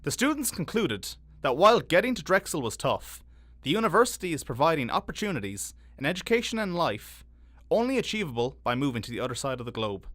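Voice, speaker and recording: A man's voice: a little high, big pitch swings, a little fast, a bit bright, no echo. A man reading scripted news narration and interview questions as a reporter.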